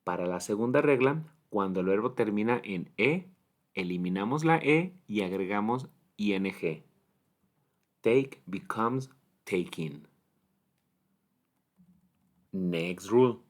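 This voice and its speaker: Slow, low-voiced man teaching grammar. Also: animated. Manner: slow, deliberate, spells out letters and models English words. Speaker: English teacher. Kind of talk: grammar lesson explanation.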